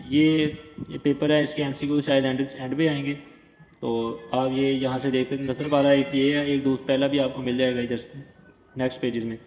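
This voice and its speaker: A man's voice: mid-range voice, a little mellow. A man walks students through an exam prep lesson. He is reassuring and explains each point step by step, often repeating himself. His voice sounds roomy, with a lingering echo from the space around him. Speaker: teacher.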